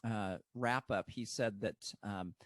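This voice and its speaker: A man's voice: lowish voice, slow, dry recording. A man who is a pastor and coach, a podcast guest talking animatedly about a sports game. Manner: animated, storytelling. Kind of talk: casual sports chat.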